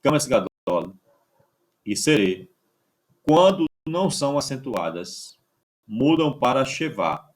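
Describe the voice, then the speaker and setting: A man teaching a recorded grammar lesson, talking haltingly and checking in with his students often. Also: medium pitch, very animated. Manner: slow, halting delivery, checks in with "certo?".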